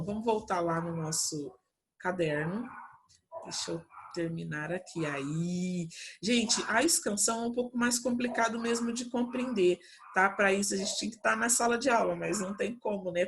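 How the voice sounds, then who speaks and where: A Brazilian woman teacher talks her students through a lesson from her home. She explains patiently and step by step, often pausing to check that they follow. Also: mid-range voice, a little hiss or hum. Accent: Brazilian Portuguese. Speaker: Portuguese teacher. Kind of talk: remote class from home.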